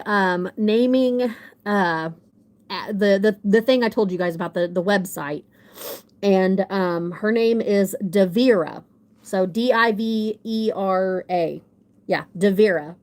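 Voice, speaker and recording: A woman's voice: mid-range voice, darkish tone. A woman, gushing and rambling on a casual livestream, showing off her collection with lots of restarts. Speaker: model horse collector hosting a livestream.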